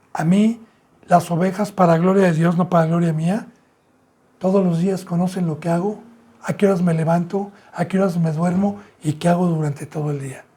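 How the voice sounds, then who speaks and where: A middle-aged pastor delivers a sermon in a dark, mellow voice with a breathy, husky edge. He keeps asking his flock rhetorical questions and calls them brothers and sisters. His pitch and volume jump up suddenly when he presses a point. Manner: emphatic jumps in pitch and volume.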